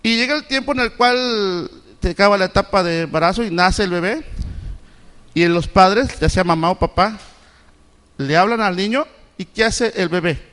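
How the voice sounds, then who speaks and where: A man's voice: sits high, a bit bright, in a large hall. A middle-aged man from Mexico preaching a Sunday school sermon. He keeps asking the congregation questions and often stops and restarts his sentences. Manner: asks the congregation repeated questions; halting, with many restarts. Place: church sanctuary.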